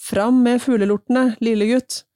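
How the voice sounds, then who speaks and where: Big bully boys jeer loudly in a children's storybook, their voices raised high and brash by a woman reading aloud. The tone stays mellow and dry. They taunt and crow at their target. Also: smooth, dry recording, natural voice. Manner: loud, mocking taunts. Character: gang of big jeering schoolyard bully boys.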